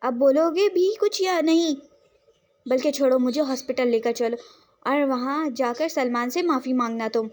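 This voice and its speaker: A blunt young woman scolds and demands answers in a high, sharp-edged storybook voice, read by a woman. She presses without letting up. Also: normal speed, natural voice. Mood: scolding. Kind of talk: storybook role reading.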